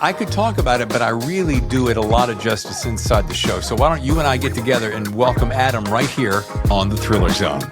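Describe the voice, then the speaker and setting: Over loud music, a male podcast host talks a little fast with few pauses and lively intonation in a mid-range voice. Chummy, effusive and emphatic, he chats casually with his guest and listeners, using plenty of slang.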